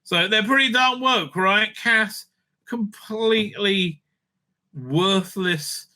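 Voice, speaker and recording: A man's voice: high voice, slow, sharp tone. A man hosting a casual, off-the-cuff review commentary, blunt, opinionated and sweary, rambling and repeating words as he goes. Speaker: host reviewing audio drama releases.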